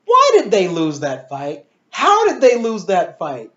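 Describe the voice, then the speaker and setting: A movie reviewer with a high-pitched, fairly bright voice speaks a little slowly, his pitch swinging hugely. He rants about films casually and emphatically, full of opinions and rhetorical questions. The room recording sounds muffled and echoey.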